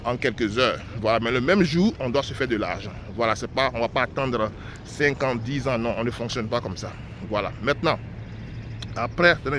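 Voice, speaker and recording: Man giving a casual sales pitch. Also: fairly bright tone, slight background noise. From Côte d'Ivoire. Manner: informal and explanatory, peppers speech with "voilà" and hesitations. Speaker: trading school founder. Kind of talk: unscripted promotional pitch to camera.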